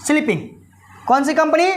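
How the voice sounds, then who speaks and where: A woman's voice: sits high, lively intonation, moderate pace. A woman teaching a commerce lesson who calls her listeners children and keeps asking them questions, then answers them herself. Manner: quizzes students with repeated rhetorical questions; addresses listeners fondly as children. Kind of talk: explanatory class lesson.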